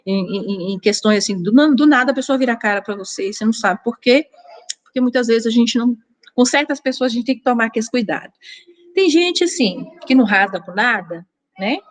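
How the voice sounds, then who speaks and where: A woman's voice: on the high side, fairly quick. A woman teaches a church Bible class in an easy, conversational way. She often slips into short acted exchanges to make her point. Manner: conversational, acts out little dialogues. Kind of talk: Sunday school teaching.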